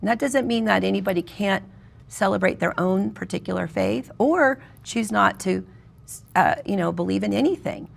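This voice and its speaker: A woman's voice: medium pitch, moderate pace, creaky. A woman on a discussion panel, speaking in an earnest, firm way. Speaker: panel guest.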